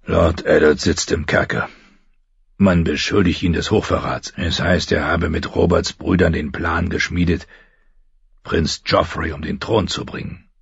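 A man voicing a gruff old male commander who growls his orders, in an audiobook reading. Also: deep voice, fairly even intonation, measured pace, no echo, muffled recording, exaggerated voice. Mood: stern.

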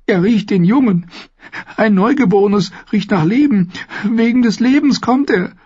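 A man's voice: high voice, a little slow, warm tone, slightly rough, no echo, muffled recording, voice pushed up. A man voicing a frightened young mother who speaks in an urgent, sobbing way. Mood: fearful sobbing. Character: frightened young mother clutching her baby.

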